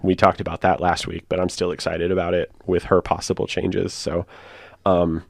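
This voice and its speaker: Deep-voiced man musing in casual chat. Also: flat delivery, moderate pace, creaky, dry recording. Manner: rambling, thinks aloud in long run-on thoughts. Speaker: podcast co-host.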